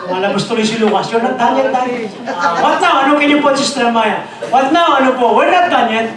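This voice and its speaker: A man's voice: very high voice, fairly quick, crowd noise. A man preaching a joking sermon as pastor, switching between Tagalog and English and imitating people he talks with. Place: large church hall. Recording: echoey hall, from far off. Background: congregation responding.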